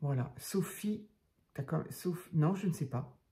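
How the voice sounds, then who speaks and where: An older woman casually showing craft tags to her viewers, talking softly and chattily with many hesitations. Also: low voice, animated, measured pace. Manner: chatty, soft-spoken, hesitant with fillers. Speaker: craft channel host.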